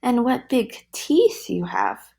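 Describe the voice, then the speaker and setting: A woman voicing a polite, cheerful young girl in a storybook, speaking slowly and wide-eyed. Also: a little high, wildly swooping pitch, vocal fry, dark tone, full character voice. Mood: wondering.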